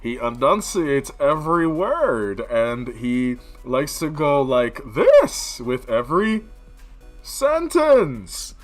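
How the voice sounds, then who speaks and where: A man doing a hulking masked villain who drags each word out slowly and loudly, enunciating every syllable with grand, theatrical menace. The delivery is pompous and booming, set against an ordinary low voice he drops back into. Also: big pitch swings, faint music behind. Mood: menacing grandiose. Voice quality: slow, over-enunciated, theatrical.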